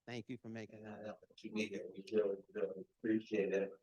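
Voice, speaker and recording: Speaking fast and with a flat delivery, a man with a deep, carrying voice gives welcoming remarks as the association's chapter president, loud and chatty without a microphone. The muffled recording is captured from the room itself, an echoey event space at a nonprofit center.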